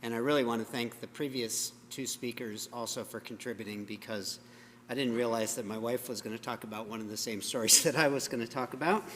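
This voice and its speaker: A man, the son-in-law, giving a relaxed, self-deprecating memorial speech in a church. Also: medium pitch, fairly quick. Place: church hall. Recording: church hall reverb, faint noise.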